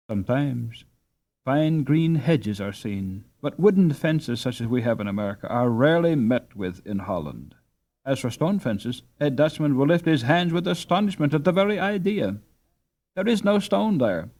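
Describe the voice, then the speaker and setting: The narrator is a man at medium pitch, giving a classic novel an expressive, measured reading as an audiobook.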